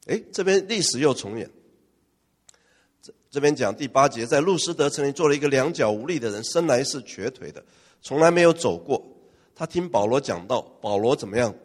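Male pastor, mid-pitched, lively and joking, quizzing the congregation, long hall reverb. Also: husky. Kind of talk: preaching a sermon.

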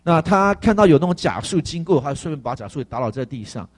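A male pastor giving a conversational testimony sermon, animated and full of fillers. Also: a little high, fast talker.

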